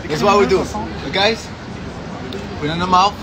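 A young man chatting casually in loose to camera and friends, animated and repeating short phrases. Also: high-pitched, moderate pace. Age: young adult. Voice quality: non-native English with loose grammar. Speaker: vlogger, host. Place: outdoor café terrace on a city street. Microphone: phone at arm's length. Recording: noisy busy street, outdoor café chatter.

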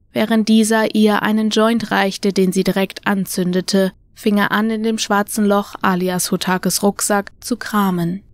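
A woman narrating a horror audiobook in a calm, even storytelling manner. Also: mid-range voice, dry recording.

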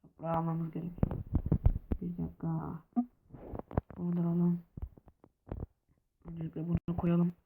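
A woman commenting on her block-building game role-play, excitable, with playful swearing and constant calls to her viewers. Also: lowish voice, unhurried, vocal fry, pauses often, phone-quality sound, noisy background. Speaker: gaming video creator.

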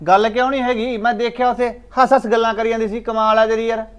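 A quick, high-voiced village husband, jealous and bossy, firing off accusations at his wife, as an actor plays him. He talks fast and keeps scolding. The scene is from a village short film. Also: little pitch movement, smooth, highs cut off. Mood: angry. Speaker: husband, landowner.

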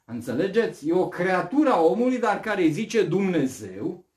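A man preaching a sermon, asking rhetorical questions and swinging between loud and hushed speech. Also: high-pitched, big pitch swings.

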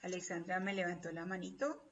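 A woman's voice: fairly low pitch, level tone, a little fast, slight background noise. A woman teaching an English class, explaining patiently, repeating her examples and checking often that her students follow. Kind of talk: classroom lecture. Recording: distant, dull lo-fi audio.

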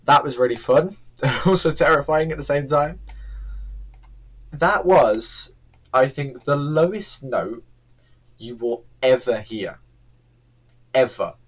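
A man hosting a reaction video, excitable and disbelieving, breaking into laughter and outbursts. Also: mid-range voice, slow, long pauses, muffled recording. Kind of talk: casual reaction commentary.

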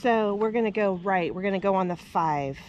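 A woman's voice: mid-range voice, normal speed, dull audio, noisy background. A woman in her forties chatting casually while hiking, laughing often, recorded on a handheld camera outdoors. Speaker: RV travel vlogger. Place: outdoors on a forest trail. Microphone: handheld camera at arm's length.

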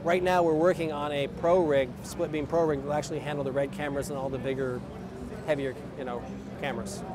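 A man's voice: on the high side, steady tone, fast. A man in his forties casually explaining camera gear at an outdoor trade show booth, speaking into a lapel mic with plenty of fillers. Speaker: company president and filmmaker. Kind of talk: trade show equipment demo. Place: outdoor expo booth under an umbrella. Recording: outdoor crowd noise. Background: crowd chatter.

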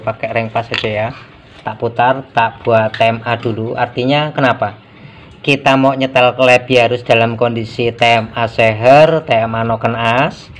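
A man, a mechanic giving a casual hands-on workshop tutorial and explaining each step as he works. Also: medium pitch. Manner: casual, explanatory, mixes in Javanese words. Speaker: motorcycle mechanic. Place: motorcycle workshop.

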